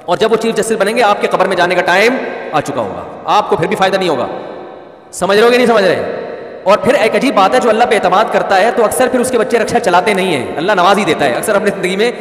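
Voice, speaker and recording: A middle-aged man, giving an animated, rhetorical religious talk. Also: high-pitched. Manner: animated, rhetorical, mock-quotes people. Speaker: Islamic preacher. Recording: echoey hall.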